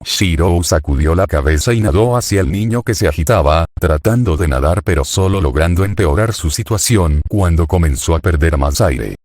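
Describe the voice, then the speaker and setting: Male narrator, deep, even storytelling read, dry close sound. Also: normal speed, hardly any pauses, no room sound. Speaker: fanfiction reader. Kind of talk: scripted narration.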